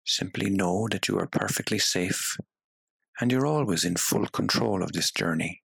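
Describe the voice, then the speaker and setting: A man leading a guided meditation in a soothing, hypnotic way, with long pauses between phrases. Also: sits low, vocal fry, a bit bright, breathy edge, no echo.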